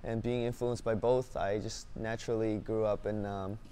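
A young man, a singer-songwriter born in South Korea and raised in Canada, answering interview questions in a relaxed, upbeat way with lots of fillers, on a lapel mic in a dim studio. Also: lowish voice, normal speed, slight background noise. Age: young adult. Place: dim indoor studio set.

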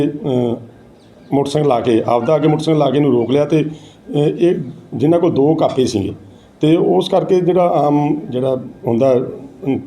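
A police officer giving a halting statement to the press, with many pauses and fillers. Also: male voice, medium pitch, warm tone.

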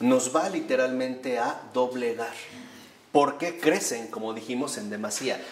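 A man's voice: mid-range voice, a little hiss or hum. Man lecturing in a roomy hall. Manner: explanatory, often adds tag questions. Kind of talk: talk to a live audience. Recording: roomy echo with faint ambience.

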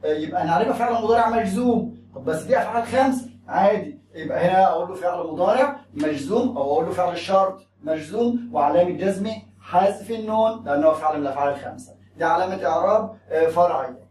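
A man's voice: sits high, fast, a little mellow, reverberant, distant mic, slight background noise. A man with an Egyptian Arabic accent teaching a grammar lesson, explaining step by step and asking and answering his own questions.

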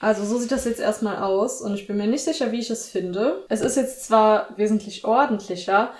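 A woman's voice: mid-range voice, normal speed, a little mellow. Chatty young woman vlogging at home. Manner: chatty, upbeat, listing her chores. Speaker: lifestyle vlogger. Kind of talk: casual vlog talk to camera. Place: small bright apartment room, indoors.

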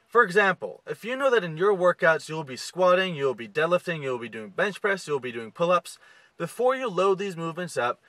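Young guy in his car giving gym tips, bright voice, a bit high, dry close sound. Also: no echo, low-quality recording. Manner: steady, instructive, step-by-step. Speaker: fitness coach. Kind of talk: direct-to-camera fitness tips. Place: inside a parked car. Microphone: camera close to the face.

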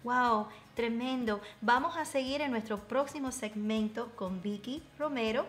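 A woman's voice: on the high side, measured pace, a bit bright. Radio host woman with brief affirmations. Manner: brief affirming replies, smooth segment handoffs. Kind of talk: radio talk show.

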